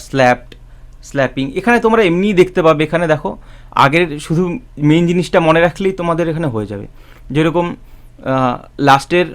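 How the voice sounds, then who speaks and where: A man teaching English spelling rules. He explains patiently, spells words out letter by letter, and often checks with "right?". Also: fairly high pitch. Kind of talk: spoken grammar lesson.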